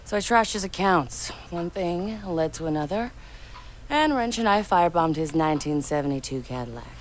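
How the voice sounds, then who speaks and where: Actress voicing game hacker woman, low-pitched, blunt, sardonic. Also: lively intonation, normal speed, a little hiss or hum, natural voice. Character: cool, blunt young female hacker crew leader. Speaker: hacker character in a video game.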